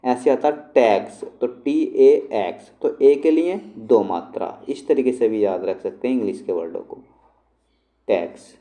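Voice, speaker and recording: A man walks through a spelling lesson. His voice is deep-toned and very mellow, at an ordinary pitch. He explains patiently and keeps checking in with his students. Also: unhurried. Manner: explains patiently, with frequent check-ins to the class. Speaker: shorthand and typing teacher.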